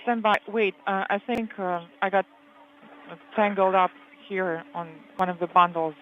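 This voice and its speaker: An interpreter relaying a live radio link in English, speaking in terse, halting procedural phrases over a tinny radio channel. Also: medium pitch, fairly even intonation. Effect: tinny radio communication channel. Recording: narrow radio line with clear static.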